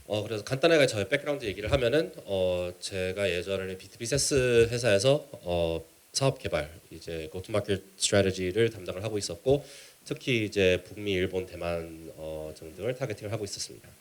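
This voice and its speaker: A man with a low-pitched voice and a Korean-American accent speaks as a keynote presenter. He moves through his points in a measured, halting way, dropping English business terms into his sentences. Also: lively intonation. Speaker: keynote speaker, startup mentor. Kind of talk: conference presentation.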